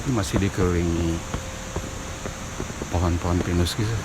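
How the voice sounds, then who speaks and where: A man's voice: deep voice, steady tone, moderate pace. A man giving casual commentary as host of an outdoor night exploration vlog. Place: outdoors on a steep forest trail at night. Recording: very noisy outdoor night recording. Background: loud crickets and night insects.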